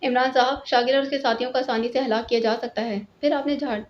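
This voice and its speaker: A woman's voice: sits high, fairly even intonation, slight background noise, lightly acted. A woman voicing a loyal male agent who asks respectful questions, in a storybook reading. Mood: questioning. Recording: lo-fi, dull sound.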